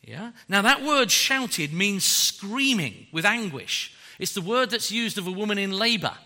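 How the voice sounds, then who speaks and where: A man preaching a sermon in an animated, joking way that is often broken by laughs. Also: sits high, a little slow, long reverb tail.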